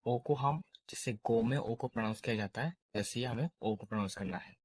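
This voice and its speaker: A man's voice: mid-range voice, brisk, a little mellow, breathy edge, no echo. A man teaching a beginner language lesson, saying each example word and its meaning twice. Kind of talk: slow spoken lesson.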